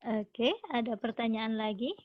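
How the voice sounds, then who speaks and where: A woman with a fairly high voice, fairly even in intonation and measured in pace, runs a casual online English lesson, switching between English and Indonesian. She is chatty and encouraging and laughs frequently, while the dull, lo-fi video call audio has a noisy background.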